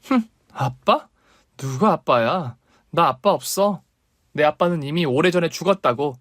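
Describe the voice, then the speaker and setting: Male reader as an upset daughter, high-pitched, shrill and defiant, dry close sound. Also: measured pace, no echo. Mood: angry. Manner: pleading, rising to shrill anger. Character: young woman, daughter, hurt and defiant. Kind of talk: radio story reading.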